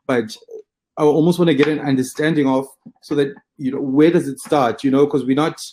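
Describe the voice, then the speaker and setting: A man's voice: fairly high pitch, fairly even intonation, a little fast, mellow, slight background noise. Rambling, hesitant male interviewer. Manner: hesitant, rambling questions with restarts. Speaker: interview host. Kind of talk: interviewing a guest.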